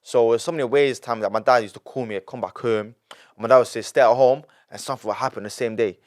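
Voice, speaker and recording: He's a fast-talking nineteen-year-old Londoner on a casual podcast, his medium-pitched voice holding a steady tone. As a guest he rambles emphatically, restarting and repeating himself often.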